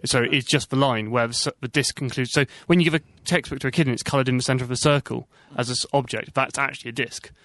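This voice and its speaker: Fast-talking joking man. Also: medium pitch, fairly even intonation, fairly bright tone, no room sound. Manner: quick-fire joking, nerdy asides. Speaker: co-host. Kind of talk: comedy podcast banter.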